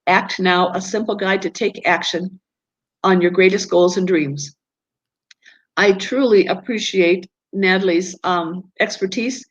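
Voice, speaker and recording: A woman's voice: mid-range voice, muffled recording. A woman hosting an interview series on a video call, appreciative as she introduces her guest and asks questions. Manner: warmly appreciative, reads introductions. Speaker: host.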